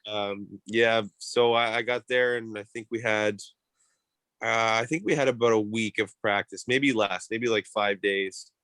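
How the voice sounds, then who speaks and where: Low-voiced man chatting in an interview. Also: fairly even intonation, a little slow, a bit bright, no room sound. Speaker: professional ice hockey player being interviewed. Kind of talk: casual interview answers.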